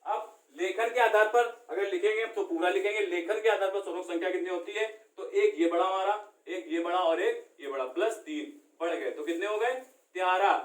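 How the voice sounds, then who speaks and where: A man's voice: sits high, fairly quick. A man teaching a classroom lesson, asking questions and answering them himself. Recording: echoey room, far from the mic.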